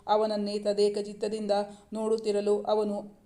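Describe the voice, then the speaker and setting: Female storyteller, steady unhurried narration, monotone, mid pitch. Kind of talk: scripted narration of a romance novel.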